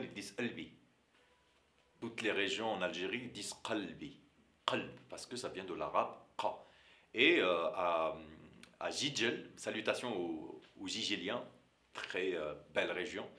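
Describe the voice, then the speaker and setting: Lively, bright-voiced teacher. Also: male voice, sits low, reverberant. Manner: repeats sounds and words slowly for learners. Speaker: Algerian Arabic teacher. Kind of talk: pronunciation lesson.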